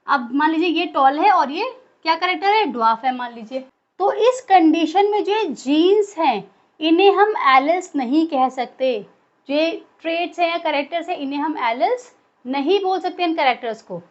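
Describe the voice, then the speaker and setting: A woman's voice: extremely high pitch, lively intonation, normal speed, highs cut off. A woman teaching a biology class in a lecture style, asking questions and answering them herself.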